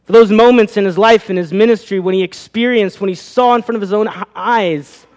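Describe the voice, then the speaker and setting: Guy preaching a sermon, pretty high voice, big hall echo, keeps asking the crowd questions. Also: a little fast, a little mellow. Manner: rhetorical questions to the congregation, rising and falling delivery. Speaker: pastor. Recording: long reverb of a hall.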